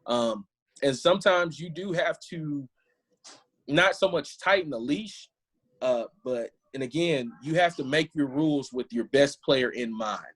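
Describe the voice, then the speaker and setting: A head football coach appears as a podcast guest and tells stories in an easygoing, casual interview chat. His voice is on the high side and a bit bright, and he speaks a little slowly.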